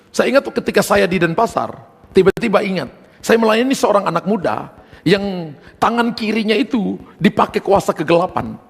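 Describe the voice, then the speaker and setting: A pastor with a high voice, vocal fry, and a breathy edge gives an emphatic personal testimony in his sermon, speaking directly to the congregation and calling them brothers. Long hall reverb fills the recording.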